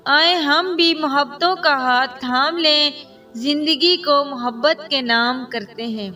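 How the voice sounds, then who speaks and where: A woman tells a tender, sentimental love story in a soft storytelling manner. Her voice is high and bright, and it sits back from the mic with soft music underneath. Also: distant mic. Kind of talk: emotional scripted story narration.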